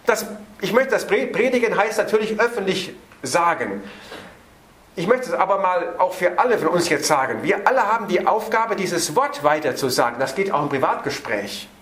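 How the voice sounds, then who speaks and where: A man preaching an evening sermon on a Bible passage. He stresses words by slowing down and hurries through his asides. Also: high voice, sing-song, fairly bright tone, roomy sound.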